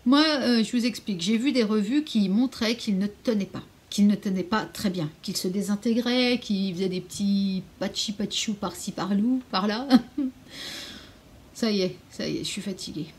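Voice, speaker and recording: A woman's voice: mid-range voice, moderate pace, a little mellow. A woman chatting casually in a beauty vlog at home, frank and a little sarcastic, now and then cooing to her cat. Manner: frank and opinionated, mildly sarcastic. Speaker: beauty vlogger. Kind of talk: casual anti-haul vlog chat.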